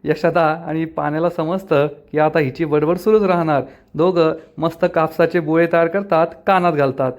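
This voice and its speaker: A man's voice: fairly high pitch, fairly even intonation, normal speed, hardly any pauses. A man narrating a recap of a TV serial episode, retelling the story with quoted dialogue.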